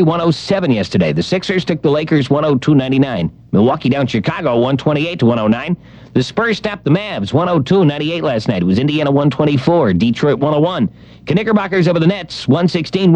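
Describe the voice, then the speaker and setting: A man's voice: a little high, a little mellow, no room sound. A man hosting a morning radio show, joking and rattling off times, weather and scores.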